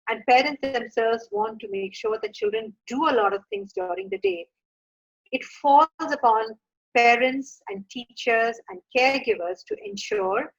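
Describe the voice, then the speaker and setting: A woman's voice: on the high side, husky. A middle-aged woman from India giving earnest advice to parents in a workshop talk, with frequent fillers. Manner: earnest and advising, with frequent uh and you know. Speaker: founder of a children's reading program, workshop speaker. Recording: dull lo-fi sound.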